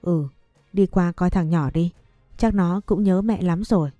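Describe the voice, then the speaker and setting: A woman's voice: lowish voice, unhurried, warm tone, no room sound, highs cut off, faint music behind, natural voice. A woman voicing a motherly older market vendor in an audio story, speaking with fussing affection. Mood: caring.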